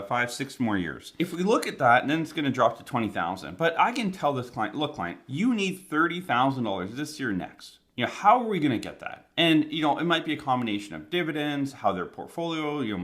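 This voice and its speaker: A man's voice: mid-range voice, fairly bright tone. A Canadian man giving conversational financial advice to camera, his speech slightly impeded by a numb, swollen mouth after oral surgery. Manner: emphatic, conversational, repeats key phrases. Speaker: financial planner hosting an advice channel.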